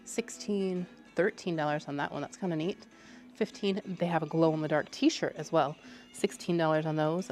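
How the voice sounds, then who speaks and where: A woman with a low-pitched voice gives a casual running commentary for a travel vlog. She speaks directly to viewers, with music playing behind her. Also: a little mellow. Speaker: travel vlogger.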